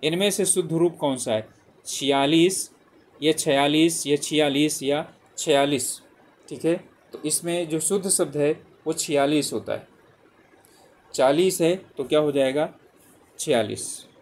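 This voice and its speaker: A man's voice: a little high, measured pace, darkish tone. A male teacher going through spelling exam questions one by one, repeating the answer options and often checking in with "ठीक है". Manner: repetitive, keeps saying "ठीक है" and reading options aloud. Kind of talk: exam-prep lesson walking through multiple-choice questions.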